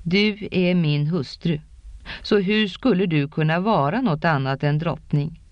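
A woman voicing a patient, affectionate warrior king speaking gently to his wife. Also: lowish voice, dry recording, close to an everyday voice. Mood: gentle. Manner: calm, affectionate, coaxing. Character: tender, patient warrior king and husband, a grown man. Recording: dull lo-fi.

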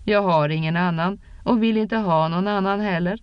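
A woman reading a tender warrior king, calm and coaxing. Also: mid-range voice, smooth, no room sound, lightly acted. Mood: gentle. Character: tender, patient warrior king and husband, a grown man. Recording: dull lo-fi.

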